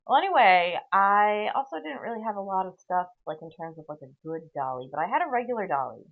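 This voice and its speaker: A woman's voice: medium pitch, phone-quality sound. A woman hosting a podcast, telling a long sardonic story full of tangents and "okay?" asides, recorded on a voice recorder. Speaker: podcast host. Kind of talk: rambling solo storytelling.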